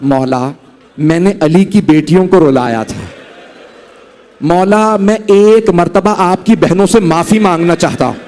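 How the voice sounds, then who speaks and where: A male preacher voicing a repentant warrior who pleads for forgiveness, in a lower, slow, pleading voice. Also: a little mellow. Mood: remorseful.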